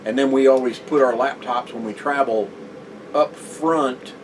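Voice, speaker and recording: A man co-hosting a casual RV vlog, chatting at length in a relaxed way from inside an RV. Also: medium pitch, measured pace. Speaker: RV vlog co-host. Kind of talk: casual chat. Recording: distant mic with steady background noise.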